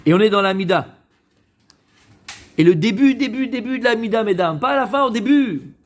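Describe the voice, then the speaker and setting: High-voiced man teaching a Torah class. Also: expressive, moderate pace, slight background noise. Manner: asks the class questions and answers them himself; repeats words while searching for them. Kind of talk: Torah lesson to women.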